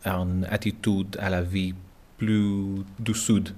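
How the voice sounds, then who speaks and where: Deep-voiced man from Gibraltar, halting French. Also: level tone, a little mellow. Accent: Gibraltarian, Spanish-tinged French. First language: English. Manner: halting, searching for words, many restarts. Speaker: interviewee. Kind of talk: interview answers in a second language. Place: at home.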